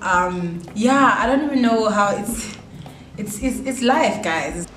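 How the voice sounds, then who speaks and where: A woman's voice: mid-range voice, animated, takes it slowly, fairly bright tone, slight background noise. A woman from Zambia and Tanzania answering interview questions in a rambling way, full of "like" and restarts. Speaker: guest in film and media. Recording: echoey room with faint music.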